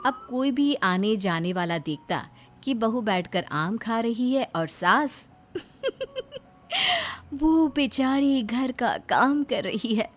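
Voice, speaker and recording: A woman narrating a cartoon story in an even storytelling tone. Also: fairly high pitch, slow.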